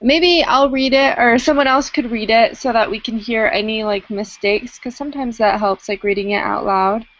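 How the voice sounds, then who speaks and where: A woman's voice: fairly high pitch, normal speed, few pauses, a bit bright. A woman explaining a shared task to her group, hedging with fillers. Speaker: discussion group member. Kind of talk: casual group discussion. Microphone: video call. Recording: dull lo-fi video call audio.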